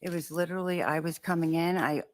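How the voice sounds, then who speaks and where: A woman's voice: on the low side, steady tone, quick pace. A middle-aged woman testifying as a witness, giving brief, hesitant answers, heard in a courtroom recording. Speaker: trial witness.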